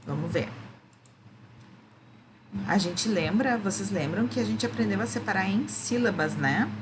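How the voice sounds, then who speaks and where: A woman's voice: medium pitch, expressive, measured pace, noisy background. A woman, a primary school teacher, gives a remote lesson to children, explaining patiently and often checking that they follow.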